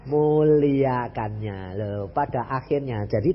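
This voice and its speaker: A man's voice: mid-range voice, a little slow, muffled recording. A man with a Javanese-inflected Indonesian accent preaching a sermon as an evangelist, questioning the congregation and slipping in Javanese phrases.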